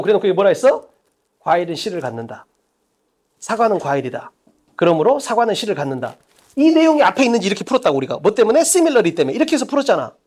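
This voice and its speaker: A woman tutor lectures at a whiteboard, her pitch sitting a little high and swinging widely as she drills her students. She talks bluntly and casually, tossing out one rhetorical question after another and hammering the same point home. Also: darkish tone. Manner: emphatic, quizzing students with rapid rhetorical questions; blunt and colloquial, repeating key points. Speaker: English exam tutor.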